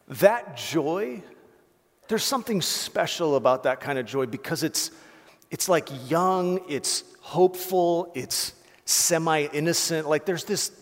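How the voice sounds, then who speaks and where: Pastor guy preaching, fired up and chatty, bit high voice, lots of hall echo. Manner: impassioned, conversational preaching with restarts and "like". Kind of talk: sermon. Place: church hall. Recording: reverberant hall.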